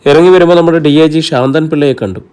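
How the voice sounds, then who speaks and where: A man's voice: fairly high pitch, quick pace, a little mellow, smooth, pitched above the performer's own voice, close to an everyday voice. A man reading a serious middle-aged lawyer. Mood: matter-of-fact. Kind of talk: audiobook character reading.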